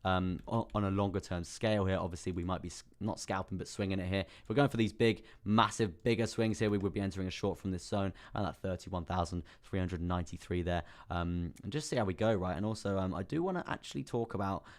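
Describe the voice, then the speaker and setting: A young English man with a hoarse, partly lost voice, hosting a casual crypto live stream, chatting about charts and greeting viewers by name. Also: deep voice, fairly even intonation, fast, few pauses. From England. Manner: chatty, reads out viewer names and laughs often.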